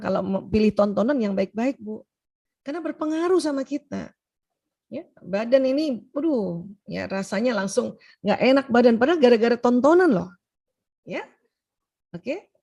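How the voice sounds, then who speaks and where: A woman's voice: on the high side, moderate pace, vocal fry, pauses often, darkish tone. A middle-aged woman giving an informal health talk to mothers, chatty, with frequent "ya" and direct address to her listeners. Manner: chatty, addresses the audience as "Bu", often adds "ya".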